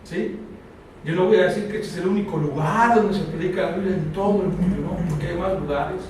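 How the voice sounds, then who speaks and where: A man's voice: sits high, fairly quick, background noise. A man preaching a sermon, often asking the congregation questions and calling for answers. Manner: asks the congregation questions and calls out for responses. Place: church hall. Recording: echoey hall, mic far off.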